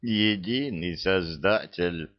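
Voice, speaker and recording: A man's voice: low-pitched, slow, dull audio. A man voicing an earnest young male emperor who was once a jester. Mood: remorseful. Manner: earnest, pleading.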